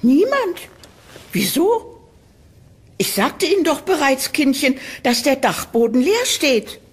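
In an audio horror drama, a woman plays a condescending older landlady, sugary and dismissive, with a patronising, drawn-out delivery. Her high-pitched voice swings widely in pitch and is heavily acted.

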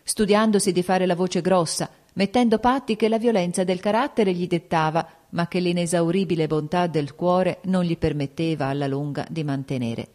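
A woman with a fairly low voice reads a classic novel aloud in a measured, steady way. Her narration is scripted and carefully paced, the plain delivery of an audiobook reader.

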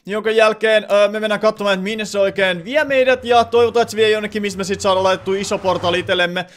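A young Finnish man talking through a game session out loud, thinking aloud with lots of filler sounds. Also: sits high, a little hiss or hum. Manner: bursts into loud excited shouting. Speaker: gaming channel host. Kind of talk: Let's Play commentary.

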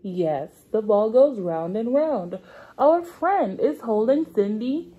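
In a classroom, a young woman plays a preschool teacher reading aloud to small children, using simple phrases she repeats and stretches out. Her voice is fairly high, expressive, slow and warm, with a slight roughness, and the recording sounds muffled.

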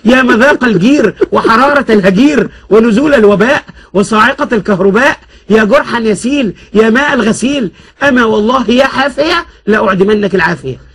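A man's voice: extremely high pitch, fast talker, fairly bright tone, breathy edge, exaggerated voice. A man voicing a furious woman hurling rhymed insults on a bus, declaiming in classical prose. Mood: scornful.

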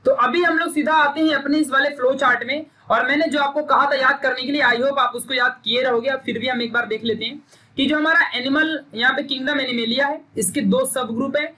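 Young man, teacher, bright tense voice, stern, repeats points, scolds. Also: very high-pitched, steady tone, fairly quick, slight background noise. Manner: emphatic, drills and repeats points; stern, scolding pep talk. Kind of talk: recorded online science lesson.

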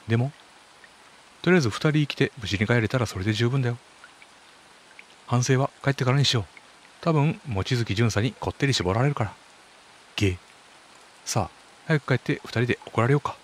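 A caring, protective young heroine from a horror game, read by a man in his plain speaking voice. His pitch stays in a middle range with no exaggeration. A colors the reading. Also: a little hiss or hum, lightly acted. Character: caring young woman heroine, older-sister type.

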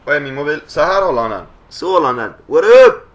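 A young man giving joking, excitable commentary over a video game. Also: fairly high pitch, slight background noise. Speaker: gaming YouTuber.

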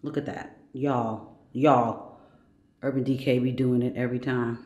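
A woman's voice: rumbling low, little pitch movement, measured pace, loud music behind the voice. A woman in her thirties casually narrating a family vlog and talking playfully to her baby and kids, recorded on a handheld camera. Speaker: vlogger and mother. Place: hotel room, lobby and city streets.

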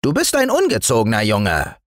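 A man voicing a small gray male forest dwarf in a bedtime storybook, with a thin, high voice and a scolding manner. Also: normal speed, no room sound, studio quality. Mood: stern. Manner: scolding, lively. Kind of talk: storybook reading.

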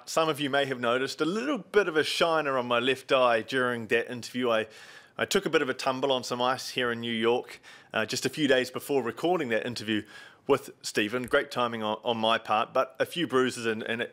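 A man's voice: medium pitch, fairly quick, a bit bright. A man in his thirties with a New Zealand accent, presenting and interviewing conversationally as a sports host. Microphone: desk microphone close in front, video call.

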